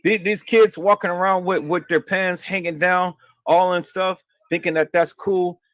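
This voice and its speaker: Man going off on a crude rant, rambling, repeats himself, kinda high voice. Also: fairly even intonation, moderate pace, a bit bright, no room sound. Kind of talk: ranting monologue.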